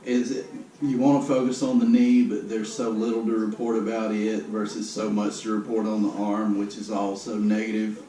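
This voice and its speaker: A man's voice: on the low side, little pitch movement, moderate pace, hardly any pauses, mellow. Downbeat man in a roomy, distant recording. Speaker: vlogger giving a personal health update. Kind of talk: casual spoken video update. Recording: roomy, noisy, distant camera microphone.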